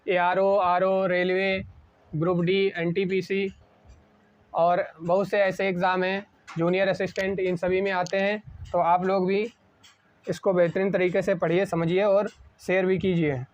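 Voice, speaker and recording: High-voiced male teacher, lo-fi sound. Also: little pitch movement. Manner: asks a question and answers it himself, slowing on the correct word. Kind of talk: exam-prep spelling lesson at a board. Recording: dull lo-fi sound.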